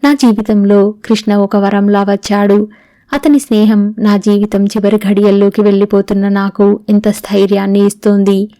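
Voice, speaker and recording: A woman's voice: mid-range voice, flat delivery, normal speed, mellow, dry recording, studio quality, close to an everyday voice. A woman reading the diary of a young woman facing terminal illness, written to her father, in an audiobook. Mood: sorrowful.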